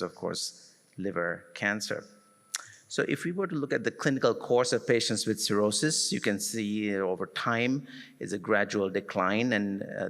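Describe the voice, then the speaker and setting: A man with a lowish, bright, forceful voice gives a medical lecture to a conference audience. He speaks in a measured, explanatory way with frequent "uh" fillers. The hall adds a long reverb to his voice. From Sri Lanka.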